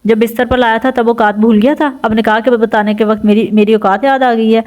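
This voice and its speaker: A woman's voice: fairly high pitch, fairly even intonation, darkish tone, highs cut off, natural voice. Brief: arrogant cruel village landlord, scornful, voiced by a woman narrator. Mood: contemptuous. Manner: contemptuous, bullying.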